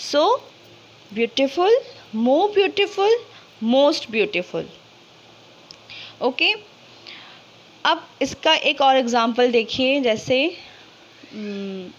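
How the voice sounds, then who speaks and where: A high-pitched woman explains grammar to her students, posing questions and answering them herself. She slows right down to draw out each example word. The recording sounds dull and lo-fi. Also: a bit bright. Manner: slow, drawn-out reading of example words. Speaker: English grammar teacher. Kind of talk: explanatory lesson in Hindi with English terms.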